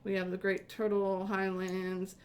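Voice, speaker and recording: A woman hosting a relaxed game-talk stream, rambling along with plenty of "like" and "uh". She sits at middle pitch for a woman and keeps restarting her sentences. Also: unhurried, a little hiss or hum. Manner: rambling, many fillers and restarts. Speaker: host. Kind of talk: casual podcast chat.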